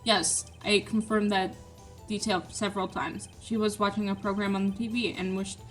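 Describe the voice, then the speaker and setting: A woman voices a fussy, prim bellboy giving testimony in a game. He is stiffly formal and tacks "sir" onto his answers, at a middling pitch, with faint music playing behind. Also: fairly even intonation, normal speed, close to an everyday voice. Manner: formal, ends lines with a clipped "sir". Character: prim, fussy male hotel bellboy witness.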